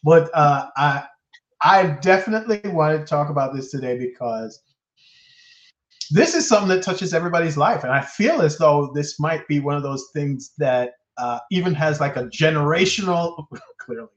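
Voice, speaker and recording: A man's voice: on the high side, animated, moderate pace. A man hosting a podcast in casual chat, rambling and jokey, often laughing between phrases. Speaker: podcast host. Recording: roomy, slightly dull sound.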